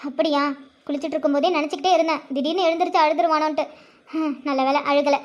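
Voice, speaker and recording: A woman voicing a stubborn, resentful young mother in an animated cartoon, talking firmly and curtly. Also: high voice, rapid-fire, close to an everyday voice. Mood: calm. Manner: firm, curt, bitter.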